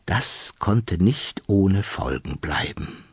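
A man reading a children's storybook aloud in a playful, lively way. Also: sits low, takes it slowly, vocal fry, breathy edge, no echo, clean studio sound. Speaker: audiobook narrator.

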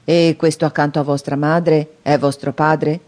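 A woman reading an audiobook, voicing a menacing, hungry male convict who makes loud threats. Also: sits low, little pitch movement, natural voice. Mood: suspicious. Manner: loud, threatening, drawn-out demands.

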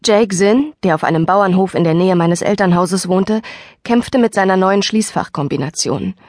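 A woman reading a first-person story as an audiobook narrator, expressive and lively, on a dry studio microphone. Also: medium pitch, moderate pace, no echo.

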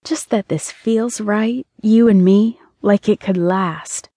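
A woman's voice: mid-range voice, takes it slowly, mellow, slightly rough, no echo, clean studio sound, pitched above the performer's own voice. Woman voicing an earnest, hopeful young heroine. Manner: earnest, pleading.

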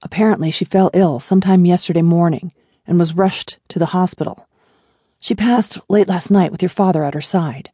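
A woman voicing an older male family attorney who speaks softly and consolingly in an audiobook. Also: on the low side, moderate pace, slightly rough, no room sound, studio quality. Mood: urgent. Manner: soft, consoling.

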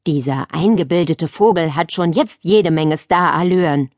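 A woman's voice: low-pitched, normal speed, darkish tone, no room sound, studio quality, lightly acted. A woman voicing a grumpy, scolding father in an audiobook for children. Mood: grumbling. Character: grumpy father, middle-aged man.

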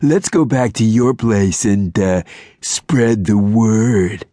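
A man's voice: lowish voice, dark tone, dry recording, clean studio sound, voice pushed up. A man playing a sleazy pickup-line guy. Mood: leering. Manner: slow smarmy drawl, pleased with himself. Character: sleazy young man hitting on a woman with pickup lines. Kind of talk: audiobook character voice.

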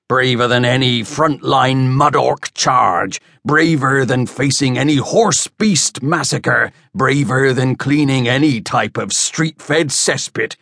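A man voicing Beatrax, drunken gruff axeman. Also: a bit bright, no echo, clean studio sound, full character voice. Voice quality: deep rumbling bass. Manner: tipsy, swaying, hiccuping toasts. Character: burly drunken male axeman, boastful and gruff.

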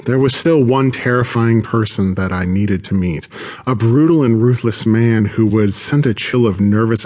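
Lower-voiced male audiobook narrator. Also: a little mellow. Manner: measured, dramatic storytelling. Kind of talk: scripted first-person narration.

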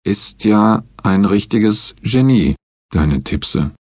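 A male narrator putting on a grumpy, sarcastic man in a storybook audiobook. The voice croaks and cuts, low and husky. The sound is close and dry. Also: lively intonation, slow, darkish tone, dry recording, exaggerated voice.

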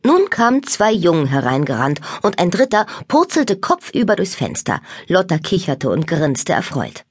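Female narrator for a children's audiobook: expressive and animated, husky, dry studio sound. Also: lowish voice, moderate pace, dry recording. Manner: lively, expressive storytelling.

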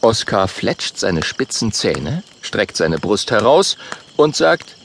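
Animated man reading a children's story. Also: lowish voice, slow, a little hiss or hum. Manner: expressive, animated. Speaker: audiobook narrator. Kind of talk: scripted storybook narration.

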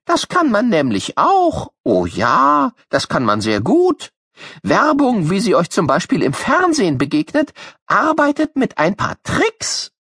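A man's voice: high voice, wildly swooping pitch, unhurried, fairly bright tone, husky, no room sound, clean studio sound, heavily acted. A man voicing a cheeky know-it-all boy who explains things to children in a storybook audiobook, in a playful, teasing way.

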